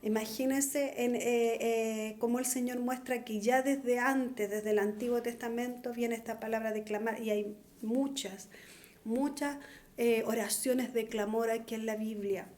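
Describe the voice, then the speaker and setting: A woman's voice: a little high, fairly even intonation, measured pace, a little mellow. Earnest middle-aged woman preaching. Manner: earnest, pleading. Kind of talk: testimonial sermon.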